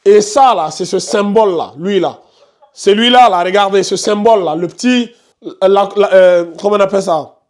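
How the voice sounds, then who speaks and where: A fairly high-pitched man teaching tajwid to his students over a video call. He repeats his points and keeps pointing at the screen. He gives careful, patient explanations. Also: normal speed, a little mellow. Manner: repetitive, pointing out details on screen, scolds noisy students. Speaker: Quran recitation teacher. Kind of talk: online class teaching tajwid.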